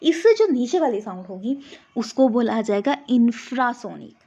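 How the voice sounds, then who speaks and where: A woman's voice: fairly high pitch, lively intonation, moderate pace, dark tone, breathy edge, highs cut off. A woman teacher giving an exam-prep physics lesson, explaining step by step and often checking whether students have understood. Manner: explains step by step, keeps asking "samajh aa gaya?" to check.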